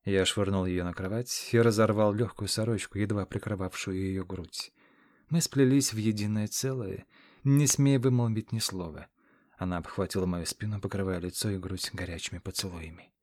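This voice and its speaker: A man narrating a first-person fantasy story in a measured, grave manner. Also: lowish voice, fairly even intonation, a little mellow, dry recording, clean studio sound. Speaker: audiobook narrator.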